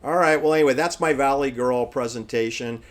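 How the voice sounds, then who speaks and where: A man's voice: mid-range voice, a little fast. A man with an American accent delivers an opinionated, improvised monologue, making blunt, dismissive assertions and repeating phrases for stress. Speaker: solo commentator.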